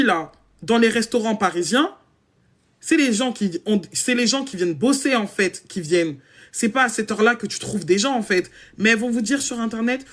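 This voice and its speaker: A woman speaks in a low voice. She talks bluntly to her listeners and mocks what they do. Her casual monologue slips into English phrases now and then. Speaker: women's coach.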